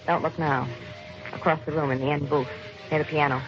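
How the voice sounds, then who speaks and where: An American actress in an old radio crime drama plays a greedy, cold-blooded gangster's girlfriend, brash, slangy, sardonic and calculating. Her natural, low voice holds a steady tone and moves a little fast. Music plays in the background of the dull, faintly noisy old recording.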